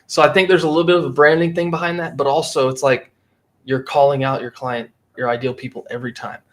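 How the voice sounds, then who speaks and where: A man talking casually as a guest on a podcast, lively and acting out what customers would say. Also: medium pitch, fast. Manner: animated, acts out quoted customers. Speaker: marketing agency guest.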